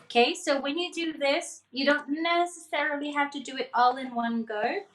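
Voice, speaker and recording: A woman with a fairly high voice teaches cake decorating in a live demonstration. She talks casually, keeps checking in with her viewers, and laughs easily. The room around her is echoey. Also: moderate pace, a bit bright. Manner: chatty, checks in with "okay?", laughs often.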